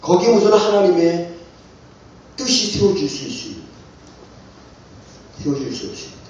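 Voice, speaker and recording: A man's voice: sits high, lively intonation, normal speed, darkish tone, a little hiss or hum. Impassioned male pastor in an echoey hall. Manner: impassioned, rhetorical questions to the congregation. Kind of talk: sermon. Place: church sanctuary. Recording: echoey church hall, distant dull mic.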